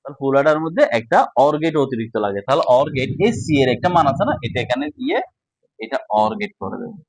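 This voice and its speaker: A man's voice: medium pitch, very animated, fast, gravelly, no echo, poor audio. A man teaching a casual whiteboard lesson, explaining step by step and often checking that students follow.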